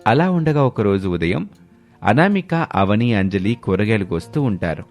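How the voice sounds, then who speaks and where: A man narrating an animated family story in a steady, even storytelling manner. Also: lowish voice, normal speed, faint music behind.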